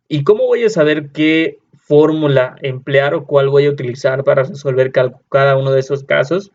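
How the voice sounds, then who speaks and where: A man's voice: medium pitch, darkish tone. A man, teaching a math lesson patiently, often repeating and correcting himself. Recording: dull lo-fi sound.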